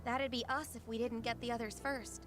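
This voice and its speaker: A woman's voice: fairly high pitch, little pitch movement, brisk, noisy background, close to an everyday voice. An actress voicing a cheerful, affectionate young woman who dotes on her older sister in a video game. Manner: bright, bubbly and affectionate.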